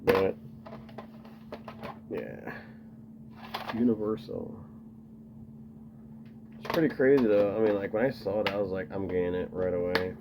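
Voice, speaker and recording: A man's voice: deep voice, fairly even intonation, unhurried, pauses often, noisy background. A man casually rambling to camera as he shows off his collection, enthusiastic and full of fillers. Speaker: video host showing his tape collection.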